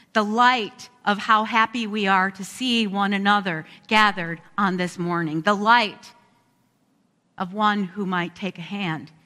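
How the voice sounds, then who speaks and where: A woman pastor praying slowly and reflectively during a service, her voice carrying the long echo of a large church. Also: medium pitch, pushed and bright. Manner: slow, reflective, heartfelt praying. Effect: long echo of a large church hall. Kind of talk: spoken pastoral prayer. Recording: reverberant church sanctuary.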